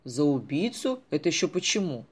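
A man voicing a gruff, commanding adult police captain who talks loudly. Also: on the high side, sing-song, a little fast. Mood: jovial. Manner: loud, brusque, commanding.

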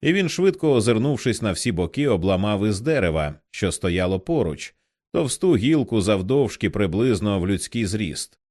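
A man giving a dramatic, expressive audiobook narration. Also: lowish voice, moderate pace, no echo, studio quality. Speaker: audiobook reader. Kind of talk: scripted narration.

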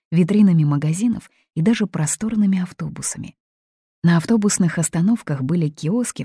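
A woman narrating an audiobook in a calm, measured way. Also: low voice, dry recording, clean studio sound. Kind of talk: scripted narration.

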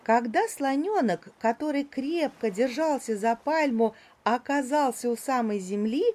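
A woman narrating a children's animal story in a calm, even storytelling manner. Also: a little high, a little slow. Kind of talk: storybook narration read aloud.

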